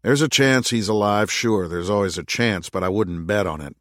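Calm careful guy advising the boss, read by a low-voiced man, no room echo. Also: studio quality, close to an everyday voice. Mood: measured. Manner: measured and patient. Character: careful, level-headed man advising the mayor.

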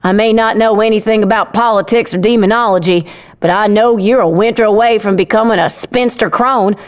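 An actress playing a blunt, sharp-tongued, mocking middle-aged village mother in a fantasy audio drama. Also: medium pitch, fairly quick, close to an everyday voice. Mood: scornful, scolding.

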